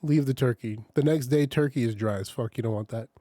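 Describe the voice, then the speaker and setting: Here the podcast host chats casually, spinning an animated tale of packing up his leftovers with plenty of swearing and laughter. The medium-pitched voice moves a little fast, with no echo.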